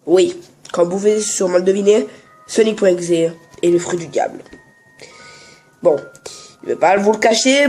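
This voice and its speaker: A man's voice: high voice, a little mellow. A teenage boy chatting casually in a vlog, rambling and joking with lots of fillers and restarts. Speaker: YouTuber.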